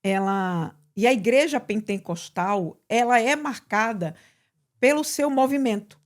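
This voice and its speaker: A woman pastor with a Brazilian Portuguese accent, preaching in conversation with emphatic, animated delivery. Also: fairly high pitch, unhurried. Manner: animated, bursts into emphatic quoted prayers.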